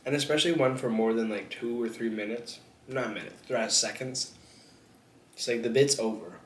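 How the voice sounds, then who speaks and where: A man's voice: mid-range voice, normal speed. A young man chatting casually while eating on camera, rambling and crude with lots of jokes. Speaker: mukbang vlogger. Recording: echoey room with faint background noise.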